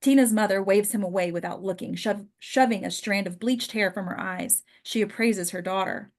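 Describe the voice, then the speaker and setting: At a script table read, a woman in a mid-range voice reads stage directions, giving them deliberate, descriptive dramatic narration.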